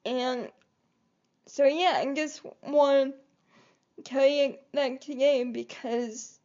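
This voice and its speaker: A woman's voice: sits high, steady tone, slow pace, darkish tone, lo-fi sound. A woman vlogger talking to her viewers in a rambling, hesitant way, with many fillers and restarts. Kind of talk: reflective personal vlog.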